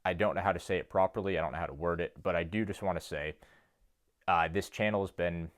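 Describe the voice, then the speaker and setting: A young man speaks earnestly to his phone camera from a home basement gym. His voice sits very low, and his delivery is a steady monotone. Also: fast talker. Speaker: fitness YouTuber and coach. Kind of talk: casual talk to camera.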